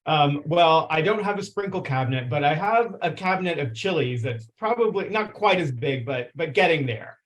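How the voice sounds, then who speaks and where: A man in his forties from Texas, a chef, introducing himself in an earnest, halting way with many restarts. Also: fairly high pitch, expressive. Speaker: chef and food writer. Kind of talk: casual personal introduction.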